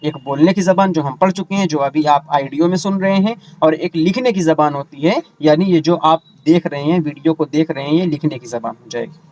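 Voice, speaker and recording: A man's voice: fairly high pitch, darkish tone, slight background noise. Man teaching, patient and repetitive. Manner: explains terms slowly, repeating them with English equivalents; asks the students rhetorical questions. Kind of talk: online exam-prep lesson.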